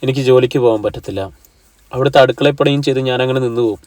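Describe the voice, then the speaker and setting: Brief: narrator doing a pushy young fiancé on a phone call, blunt and impatient, mid-pitched, dry sound with the mic set back. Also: male voice, fast, darkish tone, no room sound, recorded from a distance, lightly acted. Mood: demanding. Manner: blunt, demanding. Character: frustrated young man pressing his fiancée on the phone.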